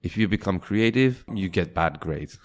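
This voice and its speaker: Speaking at a normal pace in a low, expressive voice, this man is a startup founder who grew up in Singapore. As a casual interview guest, he frequently restarts his phrases and lightens his voice when quoting other people.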